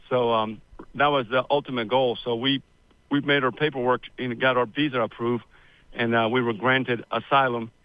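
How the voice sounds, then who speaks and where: A Cuban-born man in his sixties appears as a radio guest, recounting his family story in a rambling, chatty manner full of fillers. His voice sits at medium pitch, and the recording is dry with a dull quality.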